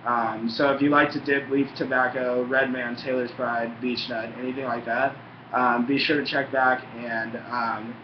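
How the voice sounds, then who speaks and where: A man's voice: medium pitch, flat delivery, moderate pace. A young man chats casually and rambles, swearing in a laid-back way, his lip packed with chewing tobacco. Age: young adult. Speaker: tobacco review vlogger. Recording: muffled, roomy, faintly noisy home recording.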